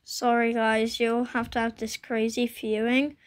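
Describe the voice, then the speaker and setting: Filming her laptop screen with a phone at home while rain falls outside, a croaky young woman who runs a gaming channel chats casually about her gameplay. Her voice is on the high side with a level tone and unhurried pace, and she exclaims often.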